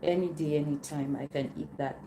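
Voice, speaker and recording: A Cameroonian woman hosts a relaxed live Q&A, answering viewers' questions without hurry and often repeating herself while she hunts for words. Her voice is deep and steady. The room echoes, with faint noise in the background.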